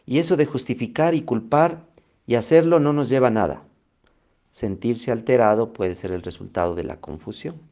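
Warm-toned, at medium pitch and normal speed, this male instructor gives an emphatic motivational lesson. He repeats key phrases and keeps checking in with "ok," on a somewhat dull recording.

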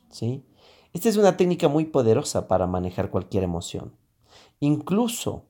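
A man's voice: mid-range voice, dark tone. A man coaching listeners on handling emotions in a motivational talk, asking himself questions aloud. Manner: asks himself questions aloud, switching between tú and usted. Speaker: self-help coach.

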